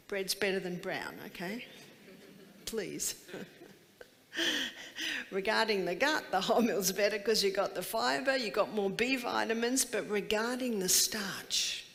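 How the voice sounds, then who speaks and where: A woman's voice: mid-range voice, lively intonation, takes it slowly, a bit bright, long reverb tail. A woman giving a health seminar to a live audience, emphatic and full of rhetorical questions.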